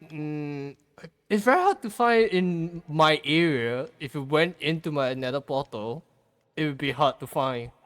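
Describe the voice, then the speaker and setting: A man in in-game voice chat, heard muffled from behind a wall, speaking halting, simple broken English with many fillers. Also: a little high, a bit bright. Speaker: fellow player on a game server.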